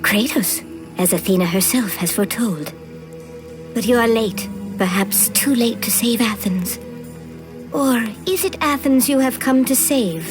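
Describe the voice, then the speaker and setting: An actress playing a mysterious oracle of ancient Greece, theatrical, ominous and deliberate, in a video game. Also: female voice, fairly high pitch, music in the background, lightly acted. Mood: knowing, reproachful. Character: mysterious, foreboding female oracle of ancient Athens. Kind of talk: dramatic video game acting.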